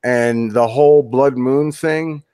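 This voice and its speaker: A man's voice: mid-range voice, steady tone, slow, mellow, clear, resonant tone, no echo. A man being interviewed as a guest author, talking in a loose, rambling way with many restarts. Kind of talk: casual interview chat.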